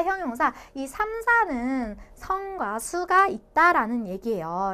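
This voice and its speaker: A young woman teaching an online language lecture, explaining step by step and repeating key points with playful asides. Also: high voice.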